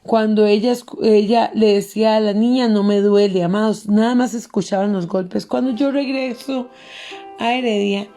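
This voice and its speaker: A woman's voice: mid-range voice, steady tone, normal speed, mellow, faint music behind. A middle-aged woman pastor, telling a personal story in an earnest sermon and calling her listeners beloved.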